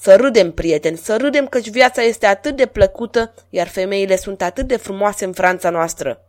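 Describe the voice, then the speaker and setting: Brief: a woman doing a proud middle-aged king of a storybook court, loud and declamatory, full of self-regard. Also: close to an everyday voice. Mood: rapturous. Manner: grand, declamatory, louder and higher than her narration. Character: lovestruck middle-aged French king, vain and commanding.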